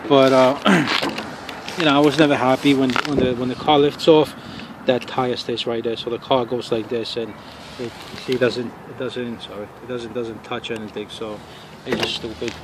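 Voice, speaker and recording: A man's voice: mid-range voice, fairly even intonation. A man talks outdoors on a city street with traffic noise around him. He rants in an irritated, profane way, often stopping and restarting his sentences. It sounds like a casual handheld review recording. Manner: angry, profane ranting with halting restarts. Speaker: RC car hobbyist reviewer.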